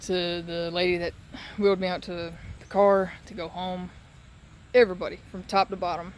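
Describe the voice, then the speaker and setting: A man talking casually and haltingly in a solo update while recovering from surgery with a sore throat. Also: high-pitched, little pitch movement, slight background noise. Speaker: patient giving a recovery update.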